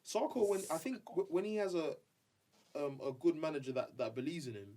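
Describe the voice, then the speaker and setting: Husky london guy arguing football on a podcast, lively, repeats himself, bit far from mic. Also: on the high side, fairly quick. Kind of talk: casual football debate.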